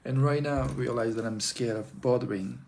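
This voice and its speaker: Live streamer, male, French accent, gravelly low-key voice, hesitant and soft-spoken, some faint noise in the background. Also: normal speed. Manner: hesitant, soft-spoken, repeats himself in both languages. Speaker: live streamer reading chat. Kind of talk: reflective bilingual live stream.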